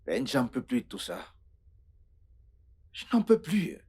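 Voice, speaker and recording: A worn-out, exasperated husband, who breaks into shouting. His voice is husky and swings widely in pitch. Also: sing-song, slow, full character voice. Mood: weary. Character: harried husband, worn out at home. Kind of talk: dubbed film acting.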